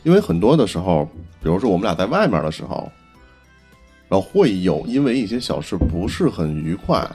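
A man with a Beijing accent telling stories in casual chat, animated and sweary, acting out what was said. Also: deep voice, a little fast, slightly rough, soft background music. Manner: animated, acts out quotes, colloquial and sweary. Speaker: podcast co-host.

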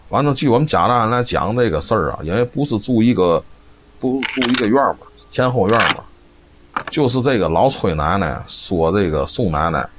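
A man tells a folk ghost story on a live stream in a very deep voice, chatty and forever checking that you follow. The audio is dull and lo-fi, with faint background noise. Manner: chatty, keeps asking "you know?".

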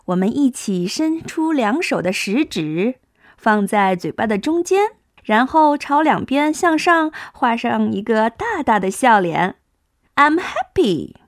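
Woman, young adult, children's English teacher, high bouncy voice, coaxing, drawn-out sounds. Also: very animated, no echo, studio quality. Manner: coaxing, drawn-out demonstrative phonics. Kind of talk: children's language lesson.

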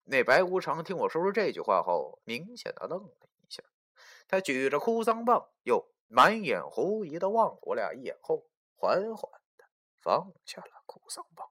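Animated male audiobook narrator. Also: on the high side, moderate pace. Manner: animated, swings from whispers to loud outbursts. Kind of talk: dramatic storytelling.

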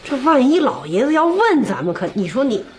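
An actress playing a nosy, fretful wife in a period TV drama, questioning and nagging. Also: female voice, high voice, sing-song, a little fast, a little hiss or hum. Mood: probing. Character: nosy, fretful wife in a wealthy old Chinese household.

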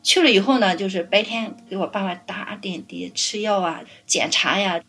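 A middle-aged woman caring for her parents, telling stories in a lively way and laughing often. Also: mid-range voice, moderate pace, husky, faint music behind. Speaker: family caregiver guest. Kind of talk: casual interview storytelling.

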